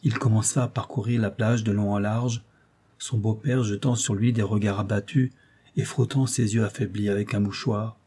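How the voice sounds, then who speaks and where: A man narrating a novel as an audiobook in a measured, steady reading. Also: fairly low pitch, slightly rough. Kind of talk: scripted narration.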